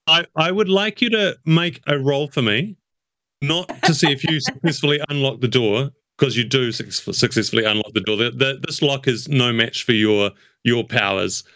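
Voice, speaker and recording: A man narrating as game master of a tabletop game, measured and descriptive. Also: medium pitch, fairly bright tone, dry recording, studio quality.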